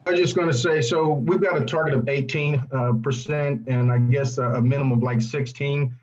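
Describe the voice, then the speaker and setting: A man's voice: medium pitch, steady tone, a little fast, darkish tone. A man asking a question at a meeting in an informal, tentative way. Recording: slightly dull audio.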